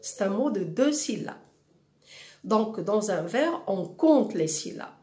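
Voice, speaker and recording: A woman's voice: mid-range voice, animated, slow pace, a little mellow. A woman teaching a French poetry lesson, patiently explaining and asking the class questions she then answers herself. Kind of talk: slow classroom explanation of a poem. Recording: roomy, echoey room.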